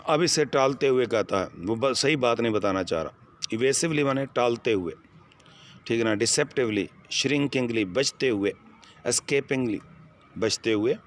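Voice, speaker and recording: A man's voice: medium pitch, expressive, normal speed, slight background noise. A man with a Pakistani accent teaching English to a first-year class, reading lines of a text and translating and explaining each phrase.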